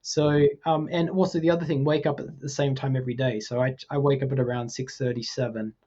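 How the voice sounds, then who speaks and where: A man's voice: mid-range voice, fairly even intonation, brisk, mellow, lo-fi sound. A man of forty from Australia, talking casually as a podcast guest, thoughtful and hesitant with many ums and restarts. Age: 40s. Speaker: guest, VFX artist.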